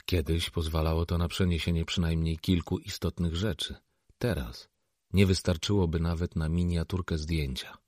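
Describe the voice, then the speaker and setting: A man reads a novel aloud in a measured, steady narration. His voice sits very low and has a husky grain, and it is recorded close and dry with no room sound. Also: no room sound. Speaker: audiobook narrator. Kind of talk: scripted narration.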